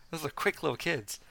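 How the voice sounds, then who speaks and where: A tired man co-hosting a casual podcast, thinking out loud and correcting himself as he goes. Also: on the high side, gravelly, no room sound. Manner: thinks aloud, correcting himself mid-thought. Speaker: podcast co-host.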